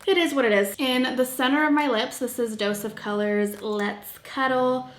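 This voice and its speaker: Beauty vlogger, woman, chatty and playful, slightly high voice, roomy sound with faint music. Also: normal speed, noisy background. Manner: chatty and playful, trails off mid-sentence. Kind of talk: casual makeup tutorial chat.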